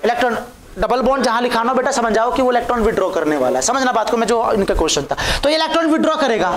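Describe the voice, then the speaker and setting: A woman's voice: a little high, lively intonation, very fast, a crowd in the background. A woman teaching a chemistry class, coaxing her students with questions that she answers herself. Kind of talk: classroom lecture. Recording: echoey room.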